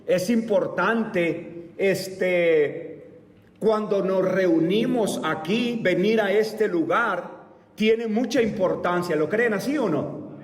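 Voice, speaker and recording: A man in his fifties teaching a church Bible class, speaking deliberately and asking the class rhetorical questions. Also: high-pitched. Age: 50s. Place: church meeting room. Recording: echoey hall, mic far off.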